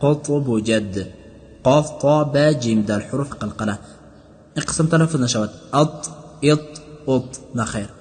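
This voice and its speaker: A man teaching Quran pronunciation, repeating syllables slowly in drills and firmly correcting mistakes. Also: medium pitch, a little mellow. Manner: firm corrections. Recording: long hall reverb.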